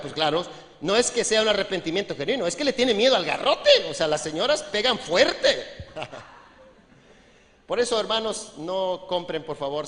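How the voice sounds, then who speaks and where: High, bright preacher in a hall. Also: male voice. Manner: conversational, humorous preaching with frequent asides to the congregation; acts out little scenes with voices. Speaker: pastor. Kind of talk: sermon. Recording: long hall reverb from a church.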